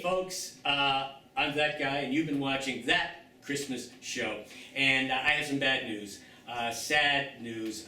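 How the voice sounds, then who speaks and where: A man hosting a comedy sketch show, rambling and coaxing with halting restarts as he signs off. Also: medium pitch, bright, forceful tone. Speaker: show host. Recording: roomy, distant sound with faint noise.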